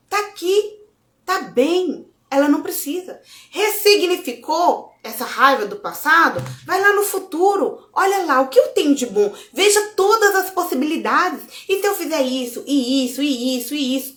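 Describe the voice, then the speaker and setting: In an echoey room, a Brazilian woman with a high voice gives a casual motivational talk as a self-development speaker. She speaks expressively in Brazilian Portuguese, acts out her inner dialogue, and calls her viewers "gente."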